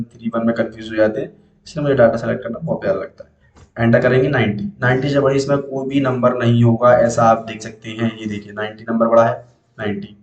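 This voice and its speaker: A man's voice: medium pitch, roomy sound, lo-fi sound. A man teaching spreadsheet basics step by step, asking and answering his own questions. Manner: explains step by step, repeats questions to students. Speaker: computer teacher. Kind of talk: screen-recorded spreadsheet tutorial.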